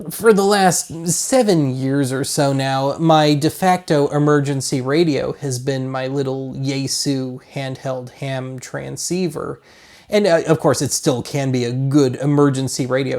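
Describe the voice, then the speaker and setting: A hobby video series host from Colorado, in his thirties with an American accent, talks his way through a product review in a relaxed, wry, meandering style. His voice is mid-range, creaky, and a little mellow.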